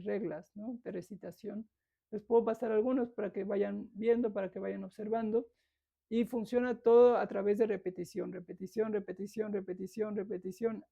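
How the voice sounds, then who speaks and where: A woman's voice: mid-range voice, gravelly, mellow, lo-fi sound. A woman, patiently lecturing a yoga philosophy class and demonstrating pronunciation.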